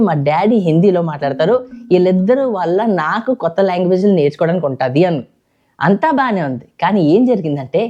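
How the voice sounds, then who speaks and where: A young man whose first language is English, chatting rapidly to camera as a travel vlogger and often repeating and correcting himself. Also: high-pitched, warm tone, highs cut off. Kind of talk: casual vlog talk to camera.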